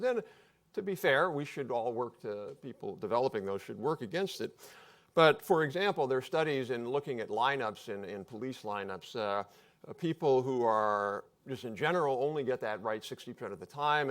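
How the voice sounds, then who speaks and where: A man speaking as a panelist at a live public discussion, explaining points in an offhand, joking way. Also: mid-range voice.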